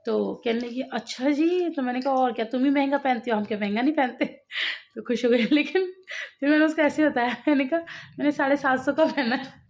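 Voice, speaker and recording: A woman's voice: high voice, a little fast, dull audio. A woman in her thirties chatting at home to her viewers in a casual vlog, laughing often and coaxing her children. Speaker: vlogger, mother.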